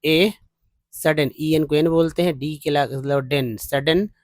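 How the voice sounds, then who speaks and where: A man teaching spoken English, reading text slowly word by word and explaining how each word is pronounced. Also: on the high side, fairly even intonation, a little mellow, dry recording.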